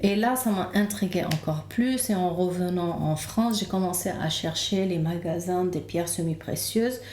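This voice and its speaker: This woman, a Lebanese-accented podcast guest from Lebanon, tells her own story in a casual interview while searching for her words. She speaks at a moderate pace in a fairly low voice with a darkish tone. Slight background noise is audible in the roomy, echoing recording.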